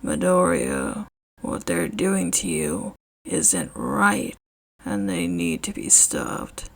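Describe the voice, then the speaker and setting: A woman voicing a grown man, a tired hero teacher who is quietly angry, in a low, slow, breathy hush. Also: big pitch swings, full character voice.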